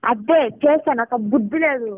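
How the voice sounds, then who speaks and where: A woman's voice: a little high, normal speed. A woman in a heated phone argument, defensive, curt and sullen. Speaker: ex-girlfriend on the call. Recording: tinny phone call recording with faint noise.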